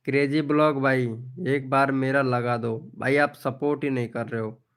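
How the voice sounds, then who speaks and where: A man's voice: medium pitch, level tone, normal speed, a bit bright. A man hosting a live stream, chatting casually as he reads out viewers' comments, calling people by name and often laughing. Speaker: live stream host promoting channels.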